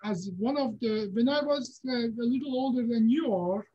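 A man, a neurosurgeon giving unhurried, halting career advice over a video call from a home office. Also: very high voice, dark tone, slight background noise. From Iran. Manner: unhurried, halting, with many fillers and restarts. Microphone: video call webcam. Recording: dull, lo-fi video call audio.

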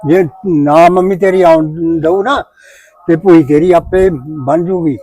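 A man playing an older grandfather who speaks calmly and reassures his family. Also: fairly high pitch, a little slow, no echo, soft background music. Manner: calm, reassuring. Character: easygoing grandfather, obliging to his wife.

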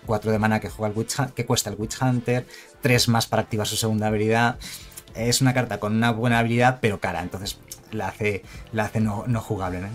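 A man talks through a card game on a casual live stream, his voice at an ordinary middle pitch. He rambles in a chatty way, wanders into asides and corrects himself often. Faint music plays quietly behind him.

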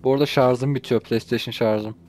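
A man's voice: medium pitch, fairly even intonation, a little fast, darkish tone. A young man casually commenting on a game he plays, grumbling and translating the lines aloud. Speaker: gaming channel host. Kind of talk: casual let's-play commentary.

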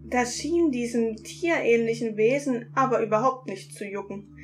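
A woman narrating a bedtime story in the first person, calm and unhurried. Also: a little high.

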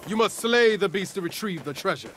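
A man's voice: high-pitched, expressive, fairly quick, a bit bright, slight background noise. An actor playing a nerdy young man who talks in theatrical mock-medieval phrases, in video game dialogue. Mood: pompous. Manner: theatrical olde-worlde phrasing, then sudden swearing. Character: nerdy male role-play fan speaking mock-medieval.

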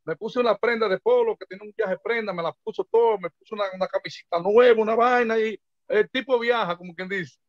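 A middle-aged man with a Dominican Spanish accent, an interview guest telling lively anecdotes and acting out the voices of people he quotes. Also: sits high, fast, no echo. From Dominican Republic. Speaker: interview guest, merengue and bachata singer. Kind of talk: casual storytelling interview. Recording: dull lo-fi dry sound.

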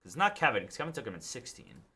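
A man's voice: mid-range voice, huge pitch swings, racing, bright, forceful tone. A man in his thirties hosting a live card break in a studio, reading out cards and thanking buyers by name.

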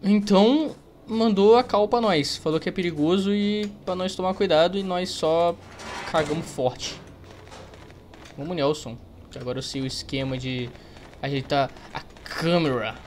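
Game ambience and clacking keys fill the noisy background as a young adult Brazilian streamer delivers rambling, slang-heavy, joking commentary on a close desk mic. His fairly high voice has a darkish tone and a moderate pace.

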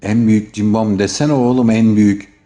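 A man voicing an excited old football fan who barks chants and orders at a young man, in a storybook reading. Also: low-pitched, a little slow, faint music behind. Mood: excited shouting. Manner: shouting loud chants.

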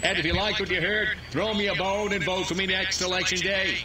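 An actor playing an alien in disguise who poses as a human mayor and gives stilted, formal speeches. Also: male voice, high voice, flat delivery, brisk, distant mic, heavy background noise, close to an everyday voice. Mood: bluster.

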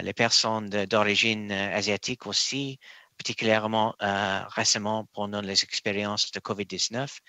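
A man from England, a court nominee, answering questions at a formal hearing over a video call, halting and searching for words with many restarts. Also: on the low side, pushed and bright, dry recording.

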